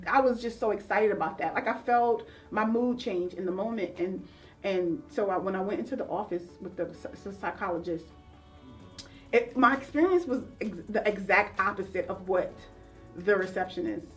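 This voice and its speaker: Woman counselor guest, earnest storyteller, slightly distant mic, faint music bed. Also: medium pitch. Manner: earnest and reflective, acting out remembered voices. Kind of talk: interview storytelling.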